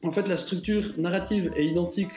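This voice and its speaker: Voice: medium pitch, fairly quick. Chatty radio show host in an echoey room. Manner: relaxed, chatty, filler-heavy.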